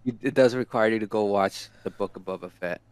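A man co-hosting a casual podcast, relaxed and joking, quick to set facts straight. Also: on the low side, clear, resonant tone, no room sound. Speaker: podcast co-host. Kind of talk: casual chat.

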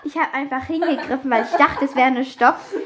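A teenage girl with a high voice talks casually and jumps in to correct the details. The room is echoey, so her voice sounds roomy. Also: heavy background noise. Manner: chatty, quick to correct and interject. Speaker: podcast co-host. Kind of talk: casual storytelling chat.

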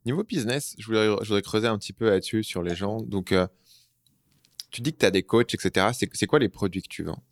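A man from France hosting an interview, asking curious questions in a casual, quick way. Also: on the low side, dry recording, studio quality. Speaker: interview host.

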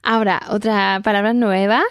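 A woman's voice: medium pitch, little pitch movement, normal speed, dry recording, studio quality. A woman teaching German in Spanish, patiently repeating phrases and correcting her student. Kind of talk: language lesson in Spanish.

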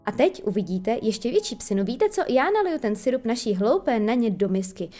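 A woman's voice: a little high, animated, warm tone, lightly acted. A pompous sulky father, as a woman puts him on. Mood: blustering. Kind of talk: audiobook character voice.

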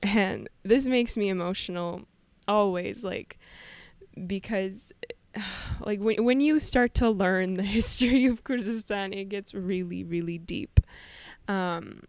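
With a mid-range voice, slow pace, and no room sound, a young woman from Canada hosts her own podcast. She wanders emotionally through a personal story and laughs a lot.

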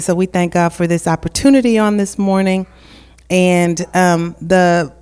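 A woman's voice: on the low side, a little mellow, smooth. A woman preaching as a guest speaker in a church at a pulpit microphone, praying and leading call-and-response, repeating key phrases for emphasis. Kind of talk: church sermon with prayer. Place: church sanctuary.

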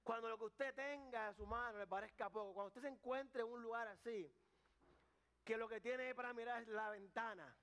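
A man's voice: extremely high pitch, normal speed, fairly bright tone. A man preaching a sermon at a church service, putting questions straight to the congregation. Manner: addresses the congregation directly with questions.

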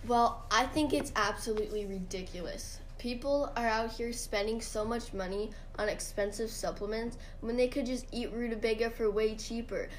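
A woman's voice: on the high side, fairly even intonation, normal speed, hardly any pauses, a little hiss or hum, natural voice, low-quality recording. A woman voicing an earnest, proud male rutabaga in a mock interview, giving matter-of-fact scripted answers. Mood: indignant. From Sweden. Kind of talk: mock interview role-play.

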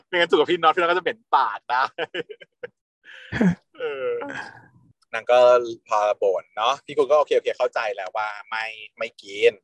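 A man's voice: mid-range voice, sing-song, a little slow, a bit bright, no room sound. A man telling a series' plot in casual, blunt, slangy chat, laughing often. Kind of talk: casual gossipy recap of a TV series.

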